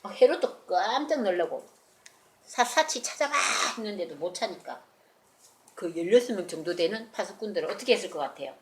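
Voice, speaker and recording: A woman's voice: fairly low pitch, fast. A woman telling a Bible story in a children's sermon and asking the children questions. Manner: animated, asks the children questions.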